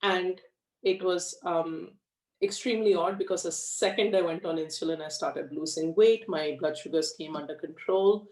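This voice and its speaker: A middle-aged woman talks frankly and in a measured way, with plenty of fillers. Her voice sits fairly low for a woman. She is recorded a way off the mic in an echoey room. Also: a little mellow, distant mic. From India, raised in Australia. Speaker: guest. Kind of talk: conversational interview.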